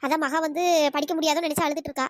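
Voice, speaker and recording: A woman's voice: high voice, fairly even intonation, no echo, natural voice. Cartoon role: loyal young village friend, dry close voice, pleading and coaxing, a woman voicing her. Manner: pleading, fast coaxing chatter. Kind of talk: cartoon voice acting.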